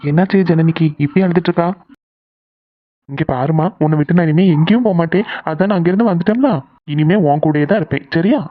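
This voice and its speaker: A woman's voice: fairly low pitch, fast, no echo, natural voice. A woman voicing an affectionate young husband in a cartoon who reassures and teases his wife. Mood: reassuring. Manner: reassuring, teasing. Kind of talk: cartoon voice acting. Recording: tinny phone-like audio.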